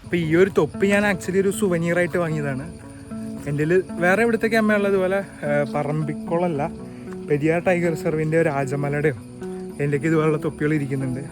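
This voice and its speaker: A man's voice: on the high side, quick pace. A man doing a casual travel vlog outdoors, chatting as he walks and explains what he sees. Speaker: travel vlogger. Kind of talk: casual walking-tour vlog. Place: outdoors at a nature sanctuary. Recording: voice over loud background music.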